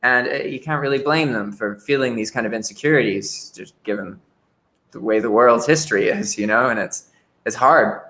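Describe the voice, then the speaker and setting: A man's voice: medium pitch, fairly bright tone. A young man talking frankly as a podcast guest, often repeating words as he starts a sentence. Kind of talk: casual interview chat.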